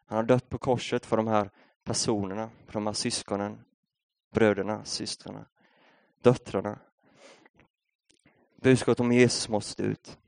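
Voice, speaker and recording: A man's voice: lowish voice, fairly even intonation, vocal fry, long pauses, a little mellow, no room sound, studio quality. A young Swedish man preaching a sermon, telling a story in a casual, conversational way before building up to a rousing appeal. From Sweden.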